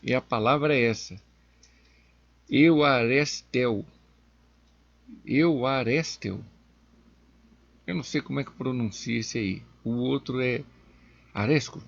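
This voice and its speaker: A man teaching from the Bible as a deacon, speaking slowly and emphatically and pushing his voice up on key words. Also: medium pitch, vocal fry, no room sound, highs cut off. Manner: slow, emphatic, rising sharply on key words.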